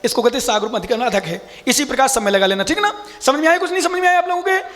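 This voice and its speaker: A man teaching scripture as a monk, his voice pitched very high and bright. He explains verses step by step and quizzes his listeners. His voice rings out in a large hall with a long echo. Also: expressive, rapid-fire. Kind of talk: scripture class lecture.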